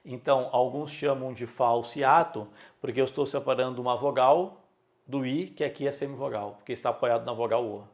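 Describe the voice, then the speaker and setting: A man's voice: medium pitch, fairly even intonation, brisk. A man, teaching a recorded exam-prep lesson and repeating key words for emphasis.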